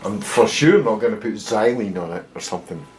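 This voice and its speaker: A Scottish man working through a casual workshop tutorial as a bass luthier, muttering wry jokes and swearing casually. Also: lively intonation, a little fast, a little hiss or hum. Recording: echoey room.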